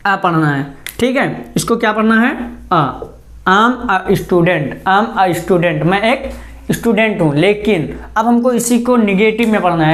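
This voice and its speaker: A man teaching a classroom spoken-English lesson. He keeps asking a question and answering it himself, and he slows down to spell out example sentences word by word. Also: high-pitched.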